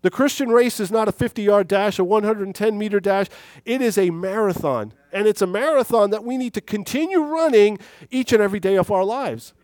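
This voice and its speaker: A man delivers an evening church sermon in a high-pitched voice. He sounds over-caffeinated and wound up, repeating phrases for emphasis. The sound is fairly dry, with little echo. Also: a little fast, darkish tone. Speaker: preacher. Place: church, speaking to congregation.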